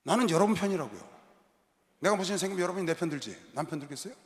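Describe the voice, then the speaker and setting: A man preaching a sermon as pastor, shouting and leading the congregation in call-and-response. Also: high voice, animated, rapid-fire. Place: large arena hall. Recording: roomy long-reverb arena sound.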